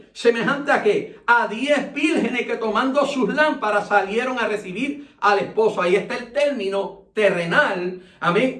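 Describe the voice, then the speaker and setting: A man's voice: sits high, a bit bright. A man teaching a Bible study as a pastor, dropping "amén" after nearly every phrase and drawing out key words. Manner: repeats "amén" constantly, stretches key words. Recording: echoey room, distant from mic.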